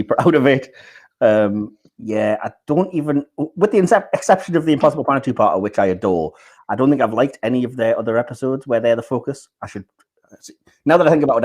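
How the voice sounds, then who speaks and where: A man's voice: medium pitch, darkish tone. A man hosting a podcast in casual chat, steering the segments with plenty of ums and hesitations. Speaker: host.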